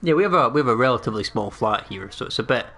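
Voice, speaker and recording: A young Scottish man chatting on a gaming stream, with a middling pitch. He talks loosely, swears freely and often breaks into laughter. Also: lively intonation, racing, fairly bright tone. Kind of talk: casual chat while gaming.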